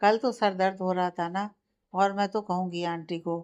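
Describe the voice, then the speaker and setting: A woman's voice: on the low side, steady tone, moderate pace, smooth, highs cut off, lightly acted. Woman voicing a stubborn young wife. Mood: teasing. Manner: sharp, stubborn. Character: stubborn, tired young woman studying for exams.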